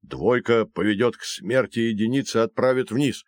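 A man voicing a grim adult henchman who speaks in a gruff mutter. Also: mid-range voice, normal speed, dry recording, clean studio sound, natural voice.

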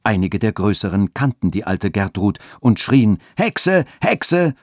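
A man calmly narrating a radio story. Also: lowish voice, normal speed, no echo, studio quality. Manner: calm, even storytelling.

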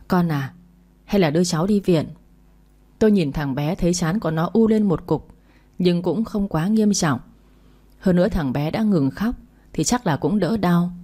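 A woman narrating a first-person family story in a calm, steady reading voice, also voicing the people in it. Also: fairly low pitch.

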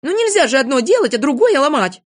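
A woman voicing a gentle artistic little boy from a storybook, high and pleading. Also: very animated, quick pace.

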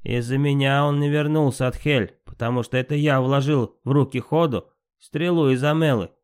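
A defiant male fire god of myth, full of scorn and mockery, voiced by a man reading the tale aloud. He speaks higher and louder than the reader's own voice, taunting gods to their faces. A storybook performance of a spiteful trickster. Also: normal speed, clean tone, close to an everyday voice. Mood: calmer, taunting. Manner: mocking, defiant.

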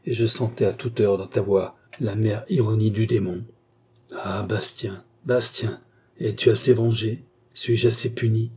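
A man's voice: fairly low pitch, fairly even intonation, unhurried, mellow, breathy edge, full character voice. A man reading aloud, voicing a dying old man who confesses his crimes in a faint, broken, pleading voice.

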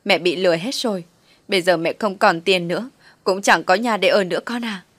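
A woman's voice: on the low side, fairly quick, a bit bright, no room sound. A woman voicing a ruined middle-aged mother who begs her daughter for help in a tearful, pleading way.

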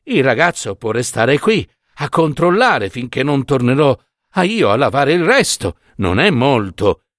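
A man's voice: medium pitch, big pitch swings, unhurried, a bit bright. A man voicing a gossipy old woman who fusses over a friend in a storybook reading. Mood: fussing.

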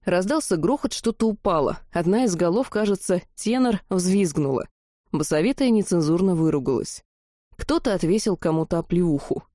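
A woman narrating a first-person fantasy audiobook in a lively, amused storytelling manner. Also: on the low side, normal speed, no room sound, studio quality.

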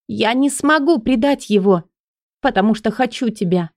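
A woman voicing a torn young woman in an audiobook, speaking high and breathless as she pleads. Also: moderate pace, no echo, studio quality, close to an everyday voice. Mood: tender pleading.

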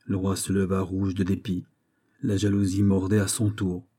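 A male narrator reading a classic novel as an audiobook in a measured storytelling way. His voice is low and deeply mellow, with a husky edge. The reading stays even and unhurried.

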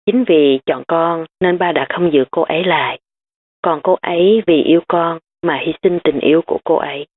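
A grieving young father speaks gently and holds back his sorrow, as a woman narrator reads him. The voice is low and close to the reader's own. The sound is thin, like a phone line. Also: normal speed. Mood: soothing.

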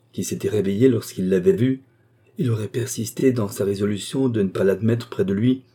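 A man reading a novel aloud as an audiobook narrator, measured and deliberate. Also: fairly low pitch, dark tone, slightly rough. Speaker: audiobook reader.

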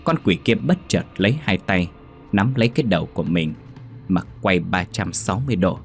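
A man narrating a horror story in a steady, measured storytelling voice. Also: low-pitched, faint music behind.

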